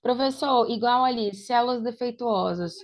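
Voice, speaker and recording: A woman student in a tutoring session, chatty and eager, thinking her answers through out loud. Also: fairly high pitch, moderate pace. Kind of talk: asking questions in a tutoring session.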